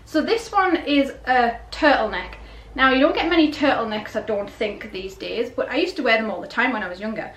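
A middle-aged woman chatting casually and rambling a little, asking herself questions, as in a clothing haul vlog. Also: high-pitched. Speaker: vlogger. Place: small bedroom, indoors. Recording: roomy bedroom echo.

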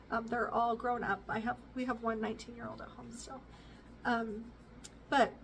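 A woman's voice: fairly high pitch, a bit bright, a little hiss or hum. Chatty woman talking from a distance. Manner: rambling, chatty, with fillers and laughs. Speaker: homestead vlogger. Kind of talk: casual talk to camera. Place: living room with bookshelves, indoors. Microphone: camera at a distance.

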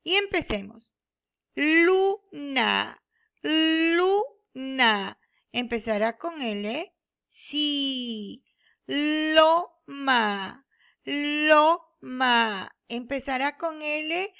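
A woman from Peru teaching young children, slowly repeating each word and giving encouraging praise. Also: high voice, expressive, creaky, fairly bright tone. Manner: slow, drawn-out word repetition with encouraging praise. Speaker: primary school teacher. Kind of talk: recorded remote lesson for young children.

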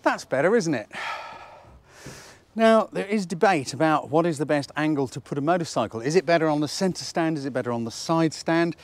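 A British man in his fifties with a squeaky voice from a cold, chatting casually and jokily as he teaches outdoors, often asking rhetorical questions. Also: expressive, fairly quick. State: has a cold. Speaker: photography instructor and presenter. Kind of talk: casual instructional talk to camera. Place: outdoors at a waterside harbour slipway.

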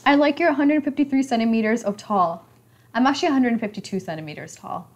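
Reading comments from her couch-side live stream, a chatty woman in her mid-twenties teases her audience and keeps breaking into light laughter. Her somewhat raspy voice sits on the high side, and she talks quickly in a room furnished with a leather couch.

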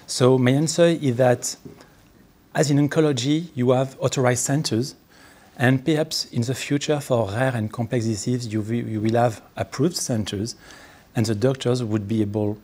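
Guy on a panel, breathy husky voice, keeps restarting, library room. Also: medium pitch, steady tone, darkish tone. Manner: halting, restarts phrases often. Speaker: panelist surgeon. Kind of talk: panel discussion answer.

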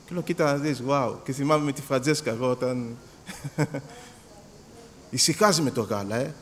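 A Greek man preaching a sermon in a church hall, animated and acting out little dialogues, repeating words as he goes. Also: mid-range voice, slight background noise. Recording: long hall reverb.

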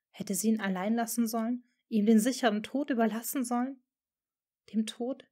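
A woman's voice: mid-range voice, a little mellow. A woman reading a fan-fiction story aloud as dramatic audiobook narration.

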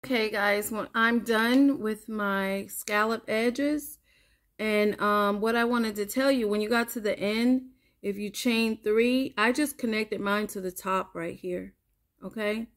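A woman giving casual craft instruction as a tutorial host, unhurried and counting out the steps as she goes. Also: medium pitch, steady tone, a bit bright.

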